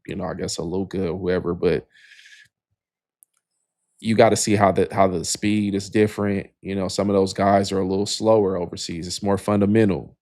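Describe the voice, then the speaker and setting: A man co-hosting a casual sports podcast, relaxed and rambling, with frequent "you know" and restarts. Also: deep voice, normal speed, no room sound, clean studio sound. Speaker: podcast co-host.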